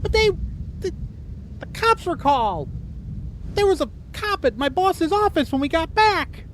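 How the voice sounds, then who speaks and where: Squeaky, eager little halfling. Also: male voice, very animated, a little slow, a little hiss or hum, full character voice. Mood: nosy, indignant. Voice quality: squeaky falsetto. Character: eager, chatty, naive little male halfling courier.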